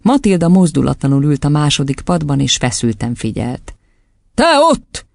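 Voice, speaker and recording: A man narrating an audiobook in measured storytelling. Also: mid-range voice, animated, vocal fry, a little mellow, dry recording, studio quality.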